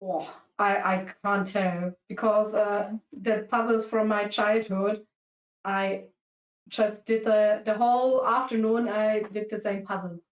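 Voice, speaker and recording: A woman from Switzerland, a guest speed puzzler, chatting shyly and halting with giggles on a video call. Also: mid-range voice, steady tone, reverberant, lo-fi sound. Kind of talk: casual video call chat.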